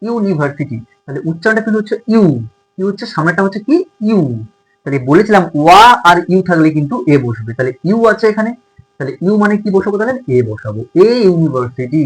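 A man's voice: sits high, animated, fast, husky, faint music behind, poor audio. A male tutor with a Bengali accent teaching a grammar lesson, asking his students questions and answering them himself.

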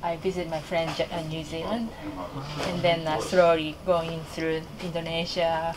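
A young woman from Japan chats brightly with a new acquaintance in a hostel room, quick to laugh. Her voice sits low for a woman. Clear background noise surrounds her. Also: little pitch movement. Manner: bubbly, laughs easily. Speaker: fellow traveler. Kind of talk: casual chat.

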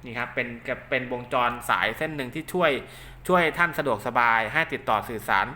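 The speaker, who makes radio link cables, gives a hands-on, informal product demonstration full of repetition and polite tags. His voice is mid-range, sharp in tone and quick in pace. The recording carries clear background noise.

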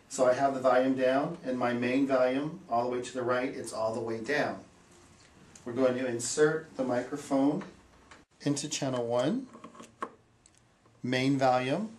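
In an echoey little meeting room, a medium-pitched man teaches hands-on use of equipment for a rental company. His explanation is plain and methodical, captured from a distance with hiss in the background.

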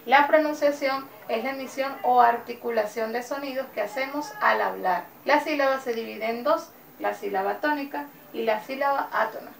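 A woman teacher with a Venezuelan accent giving a lesson to young children, slowly stressing each syllable. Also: sits high, vocal fry, distant mic. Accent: Venezuelan Spanish. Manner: slow, stressing syllables carefully. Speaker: primary school teacher. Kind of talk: classroom lesson addressed to children. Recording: echoey room, voice off-mic, faint background noise.

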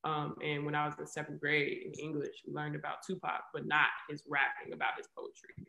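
A woman's voice: low voice, monotone, fairly quick, gravelly, pushed and bright. A young woman in her twenties, speaking as an interview guest over a video call from her living room, candid and reflective, with lots of "um" and "right?". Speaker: interview guest, athlete and poet. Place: living room at home, indoors. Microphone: video call webcam. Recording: roomy echo on a video call.

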